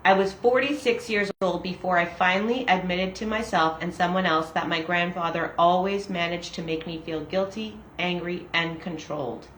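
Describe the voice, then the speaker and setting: A woman in her forties reads from a daily meditation book and then reflects on it in a chatty, self-disclosing way. Her voice sits a little low, and she fills pauses with ums and short laughs. The recording is echoey, with a faint hum of ambience underneath. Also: steady tone, a bit bright. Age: 40s. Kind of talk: casual reading with personal reflection. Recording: echoey room.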